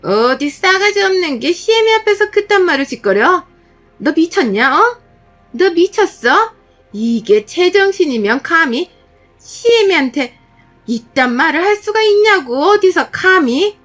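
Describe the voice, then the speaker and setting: A woman's voice: sits high, very animated, unhurried, a bit bright, faint music behind, pitched above the performer's own voice, exaggerated voice. A woman voicing a domineering middle-aged mother-in-law who scolds and screeches with contempt. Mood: furious.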